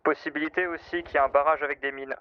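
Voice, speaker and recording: A man reports in over an in-game radio transmission, words coming fast and clipped. The radio sound is dull and a little muffled. A faint hiss sits underneath. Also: a little high, fairly even intonation. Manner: quick, matter-of-fact reporting. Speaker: squad leader in a military sim game.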